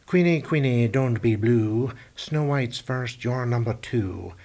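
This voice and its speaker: A talking magic mirror in a comic storybook tale, done by a male narrator. It answers in loud, sing-song rhymes, drawing the words out. Underneath is a husky, gravelly voice. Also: medium pitch, takes it slowly.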